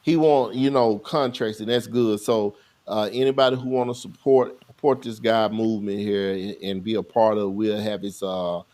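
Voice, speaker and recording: A man's voice: on the low side, steady tone, moderate pace, mellow. A man co-hosting a casual talk show, reading a news item aloud and then commenting on it. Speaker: podcast co-host. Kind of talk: casual chat.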